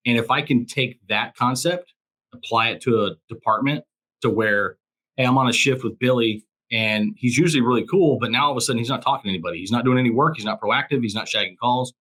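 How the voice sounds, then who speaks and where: A man's voice: medium pitch, fast talker, fairly bright tone. A man, a former police officer and crisis coach, speaking as an interview guest in an emphatic way, often repeating phrases for emphasis. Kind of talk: casual interview conversation.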